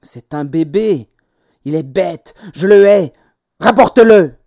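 A man voicing an angry, jealous young boy who shouts and defies his mother in a storybook reading. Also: a little high, moderate pace, natural voice. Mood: defiant. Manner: shouting, petulant.

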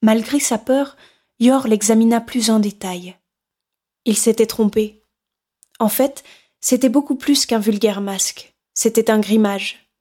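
A woman reading a horror novel aloud in steady, measured scripted narration. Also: on the high side. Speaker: audiobook narrator.

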